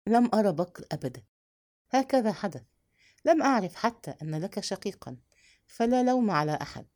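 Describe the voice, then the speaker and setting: A woman voicing a proud, bold yet tender young woman, speaking softly and intimately in a storybook reading. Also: mid-range voice, lively intonation, brisk, close to an everyday voice.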